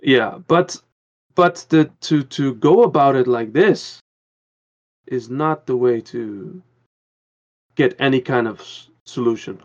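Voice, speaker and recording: A man's voice: medium pitch, slow pace, pauses often, a little mellow, muffled recording. A man from the Caribbean, a guest on a podcast, talking in an earnest, rambling way with many restarts. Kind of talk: casual podcast conversation.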